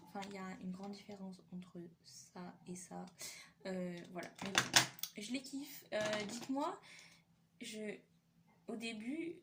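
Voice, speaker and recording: A woman's voice: mid-range voice, noisy background. A young woman chatting casually in a makeup vlog, tired and hesitant, with many fillers. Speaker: beauty vlogger.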